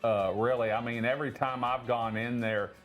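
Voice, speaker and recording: A mid-pitched man hosting a friendly local interview with upbeat, promotional energy. He steers the conversation and praises the shop. Light music sits faintly in the background. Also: steady tone, moderate pace, a bit bright. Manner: upbeat, promotional, guiding the talk. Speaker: interview host.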